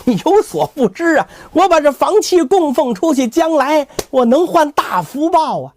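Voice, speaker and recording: A man's voice: extremely high pitch, sing-song, moderate pace. A man voicing a devout, gullible middle-aged father who is polite, earnest and insistent. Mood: eager, insistent.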